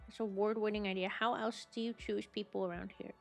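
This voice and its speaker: A woman's voice: mid-range voice, steady tone, quick pace, vocal fry, faint music behind. A woman streamer playing a game, reading the narration aloud and adding playful, casual asides.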